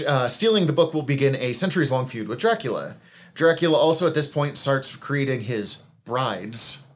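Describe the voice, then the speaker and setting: A man co-hosting a podcast, recapping comic book history in a rambling, self-correcting way with chuckles at his own asides. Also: mid-range voice.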